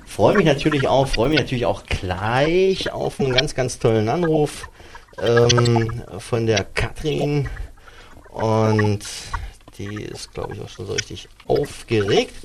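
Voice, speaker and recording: A man hosting a live radio chat show, talking haltingly with many fillers and restarts. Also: mid-range voice, animated, gravelly, very noisy. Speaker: radio host.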